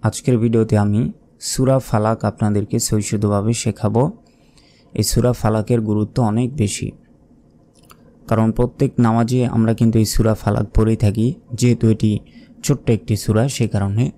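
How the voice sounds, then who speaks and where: A man with a Bangladeshi Bengali accent teaching a Quran recitation lesson, explaining pronunciation and chanting verses slowly. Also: lowish voice, little pitch movement, dark tone, a little hiss or hum.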